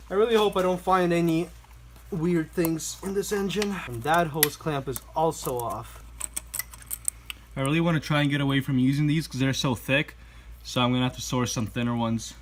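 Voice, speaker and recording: A man vlogging casually while he works on a motorbike indoors, talking with a relaxed manner and thinking aloud with fillers. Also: on the high side, slight background noise. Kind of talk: casual commentary while working. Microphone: camera mic, handheld then set down.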